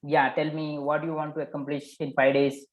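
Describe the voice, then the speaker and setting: A man's voice: on the high side, little pitch movement, brisk, dull audio. A man leading a live online coaching session, probing participants and repeating their answers back to them. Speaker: workshop coach. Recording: roomy echo.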